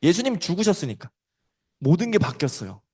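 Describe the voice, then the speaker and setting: Male children's preacher, lively storyteller, raised pitch, loud-soft swings. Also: brisk, husky.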